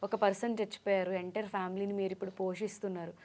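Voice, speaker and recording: A woman's voice: mid-range voice, level tone, racing, a little mellow. A woman interviewing a guest, asking probing personal questions and mixing in English words. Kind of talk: interview questions with frequent hums of agreement.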